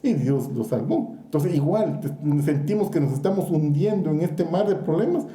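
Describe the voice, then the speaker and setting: Guatemalan male preacher, high and dark-toned, fervent sermon, roomy church echo. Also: expressive, moderate pace. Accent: Guatemalan Spanish. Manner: fervent, questions the congregation directly.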